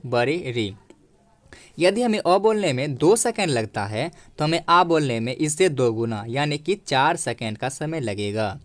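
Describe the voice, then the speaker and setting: A man's voice: fairly high pitch, dry recording. A man teaching a grammar lesson, explaining each point patiently and repeating it, speaking to viewers as friends.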